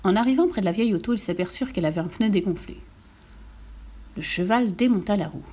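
A woman reading a children's story aloud in a lively, playful way, speaking to her listeners. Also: mid-range voice, fast, husky.

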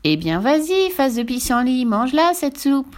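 A woman's voice: high voice, big pitch swings, normal speed, voice pushed up. A woman voicing a mean, vain witch who sneers and throws rhyming insults while reading a storybook aloud. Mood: sneering.

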